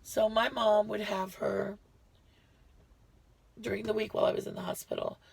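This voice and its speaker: A woman's voice: mid-range voice, flat delivery, normal speed, gravelly, husky. A woman vlogger giving a chatty, rambling health update to her viewers, short of breath and often correcting herself. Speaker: lifestyle vlogger.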